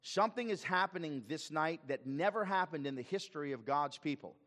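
Emphatic pastor preaching in a reverberant hall. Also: male voice, a little high, animated, brisk, a bit bright. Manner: emphatic, questioning the congregation. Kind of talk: sermon. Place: church sanctuary.

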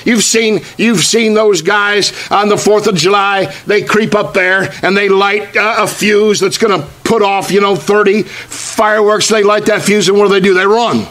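A man preaching a sermon as pastor, repeating phrases and slowing down to stress key words. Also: high voice, steady tone, fairly bright tone.

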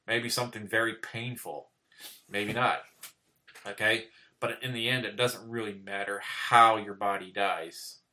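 A man's voice: lowish voice, fairly even intonation, a little slow, bright, forceful tone. A man preaching a sermon, reading scripture aloud and checking in with "okay?" after nearly every point. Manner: earnest, repeats "okay?" after most points; reads scripture aloud in old-style wording.

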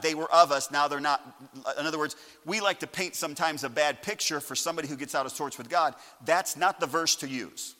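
A man's voice: a little high, pushed and bright, long reverb tail. A man preaching a sermon to his congregation in a folksy way, often checking in with the listeners. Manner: folksy, repeatedly asks the congregation "all righty?". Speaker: pastor. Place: church sanctuary.

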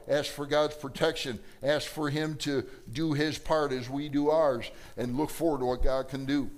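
A middle-aged male pastor preaching a sermon with fiery emphasis, reading scripture aloud and acting out quoted voices. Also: medium pitch.

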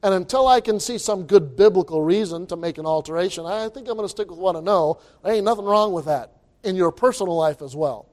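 Speaking a little fast in a high register, a man delivers a pastor's sermon at the pulpit mic, hammering home repeated phrases until he erupts into loud exclamations.

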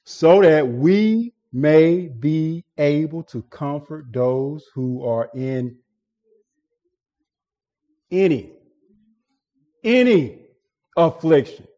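A man's voice: a little high, takes it slowly, few pauses, dark tone, highs cut off. A man preaching a sermon, often repeating words and restarting phrases as he builds emphasis.

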